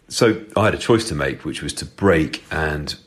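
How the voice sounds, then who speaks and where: A middle-aged man speaking through a voice changer that makes him sound very deep, telling a rambling story in a recorded voice message as a listener. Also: lively intonation, measured pace, husky. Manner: chatty, rambling storyteller with filler ums. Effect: voice changer pitching the voice very deep.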